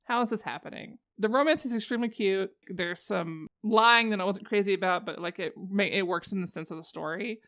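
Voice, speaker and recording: A woman's voice: medium pitch, fairly quick, hardly any pauses, a bit bright. A woman hosting a casual book podcast, talking animatedly and firing off incredulous questions. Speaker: podcast host. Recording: slightly dull lo-fi audio.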